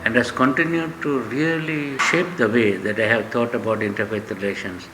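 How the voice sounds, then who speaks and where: This low-quality recording, with music underneath, captures an older Sri Lankan professor lecturing in a classroom and reflecting on his life. In a Sri Lankan accent and a mid-range voice with fairly even intonation, he speaks earnestly in measured phrases with frequent pauses.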